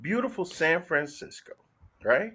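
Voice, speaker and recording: A male co-host ribs the host on a casual online talk show. His voice is bright and sits fairly high. It swings about as he jokes and slips into mock announcer lines. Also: big pitch swings, measured pace, breathy edge. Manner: jokey, teasing, mock announcer voice.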